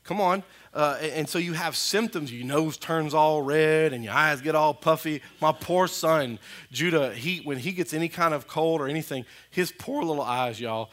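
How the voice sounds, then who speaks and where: A man, a pastor preaching a sermon in a church in a lively, conversational way with frequent asides to the congregation. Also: a little high, normal speed. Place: church sanctuary.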